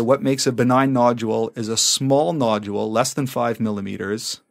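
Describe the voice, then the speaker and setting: A man hosts a medical podcast in a conversational interview style, explaining, recapping points, and posing questions. He's an emergency physician with a mid-range voice and some vocal fry.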